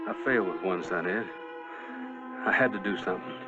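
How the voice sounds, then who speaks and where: A man's voice: sits low, a little fast, music in the background, close to an everyday voice. An actor playing an anguished frontier father in a TV western melodrama, with an American accent. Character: anguished frontier father explaining himself to his son. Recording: muffled old TV soundtrack.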